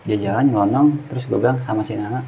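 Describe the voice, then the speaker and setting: Guy, low voice, casual slang storytelling, kinda muffled w a bit of hiss. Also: fairly even intonation, rapid-fire, gravelly. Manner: slangy Jakarta-style speech, acts out dialogue. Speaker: guest storyteller.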